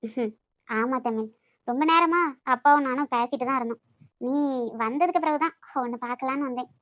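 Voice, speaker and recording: A woman voicing an outspoken, sharp-tongued young woman in an animated story. She speaks with a Nagercoil Tamil accent and talks in a quick, teasing, scolding way. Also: high voice, no room sound, dull audio, lightly acted. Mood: tender. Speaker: voice actor for an animated love story. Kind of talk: cartoon voice acting.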